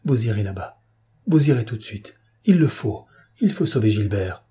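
A man's voice: a little high, big pitch swings, unhurried, mellow, husky, voice pushed up, full character voice. A man voicing a desperate middle-aged mother, pleading in a raised, anguished voice.

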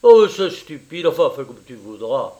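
Male reader voicing a peevish, stammering young man, loud and high. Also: big pitch swings, normal speed. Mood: grumbling. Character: agitated, grumbling young male traveling companion.

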